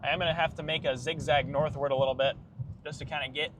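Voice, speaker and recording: A man's voice: a little high, fairly even intonation, fast. A man giving urgent, anxious live storm-chasing commentary from inside a moving car. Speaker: storm chaser livestreaming. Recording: clear vehicle and road noise. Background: vehicle noise.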